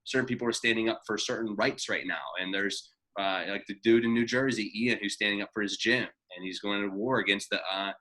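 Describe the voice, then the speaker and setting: A man in his twenties, specifically his late twenties, co-hosts a podcast and also owns a gym. In this casual chat he rambles, swears often, and uses lots of fillers. His voice is lowish with fairly even intonation, brisk with few pauses, pushed and bright, and the audio is poor.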